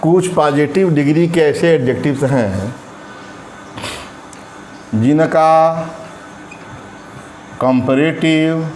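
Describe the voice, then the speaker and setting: Slow, repetitive Hindi-speaking teacher. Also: male voice, on the high side, darkish tone. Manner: slow, repeats and spells out words, stretches examples. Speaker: English teacher. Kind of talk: grammar lesson. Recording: echoey room with faint ambient noise.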